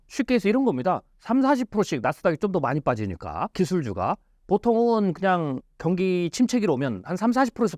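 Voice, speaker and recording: Animated man explaining economics. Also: a little high, no room sound, studio quality. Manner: emphatic, rhetorical questions. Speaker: futurist guest. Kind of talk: explanatory interview talk.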